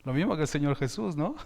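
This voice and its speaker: Slow preacher guy, kinda high voice, gets loud on key words, fixes his own slips, big echoey church. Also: creaky, slight background noise. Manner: slow, emphatic preaching with sudden rises in volume; repeats and corrects himself mid-sentence. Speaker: pastor. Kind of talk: sermon. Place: church sanctuary. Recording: long reverb in a church hall.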